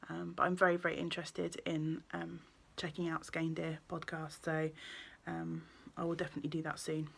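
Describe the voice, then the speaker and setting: A woman with a slightly low voice talks through her knitting projects in a casual vlog. She rambles warmly, filling pauses with ums and correcting herself as she goes, recorded indoors. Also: completely flat delivery, gravelly, slight background noise. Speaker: knitting vlogger and yarn shop owner.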